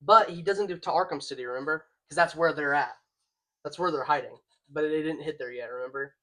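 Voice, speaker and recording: This podcast co-host has a man's voice on the high side, pushed and bright. In a casual comic book review chat, he rambles through the plot and halts and stumbles over words whenever he reads aloud.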